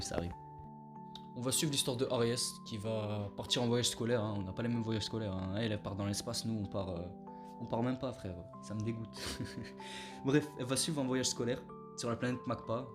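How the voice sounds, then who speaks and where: A man chatting casually about an anime on his channel, with slangy, laid-back delivery and joking asides. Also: mid-range voice. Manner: self-mocking, joking asides. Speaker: anime YouTuber. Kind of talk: casual anime review vlog. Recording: clear background music under voice.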